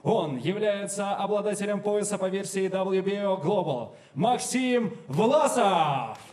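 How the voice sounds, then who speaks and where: A man's voice: high voice, mellow. A young man working as a boxing ring announcer, formal and ceremonial, on a handheld microphone. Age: young adult. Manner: ceremonial, drawn-out fighter names. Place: large indoor boxing arena.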